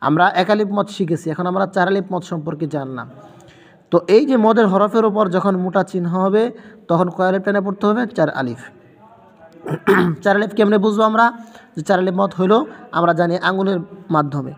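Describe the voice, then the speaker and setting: A man's voice: sits high, brisk, pauses often, big-room sound. A man teaching a Quran reading lesson, patiently spelling out letter sounds one by one and repeating them.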